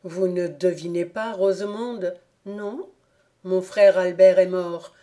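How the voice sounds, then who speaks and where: Woman doing a distraught young nobleman, pleading, kinda mellow voice. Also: fairly low pitch, steady tone, takes it slowly. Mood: agitated. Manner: agitated, pleading. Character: anguished young nobleman in love. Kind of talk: audiobook character reading.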